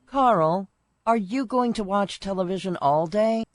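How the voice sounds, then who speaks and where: A woman voicing Sally, a friendly young woman in a scripted course dialogue, with clear, evenly paced textbook delivery. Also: mid-range voice, slow pace, dry recording, natural voice. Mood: cheerful.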